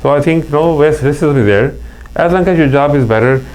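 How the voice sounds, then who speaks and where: His pitch fairly high and his tone a little mellow, a middle-aged man from Pakistan talks a little fast with a Pakistani accent. He is a guest in a casual interview, earnest and anecdotal, restarting frequently. The rough recording carries a faint mains hum.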